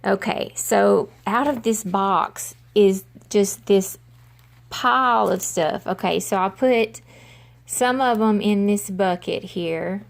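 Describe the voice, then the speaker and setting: A woman with a Southern country accent, showing items in a casual haul video, talking slowly with many pauses and ums. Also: mid-range voice, creaky. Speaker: vlogger.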